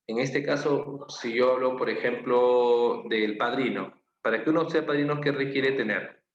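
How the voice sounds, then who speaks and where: A man's voice: medium pitch, measured pace. A man with a Peruvian Spanish accent, teaching an online class. He explains patiently, repeats key phrases and checks in with his students. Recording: roomy, slightly dull with faint noise.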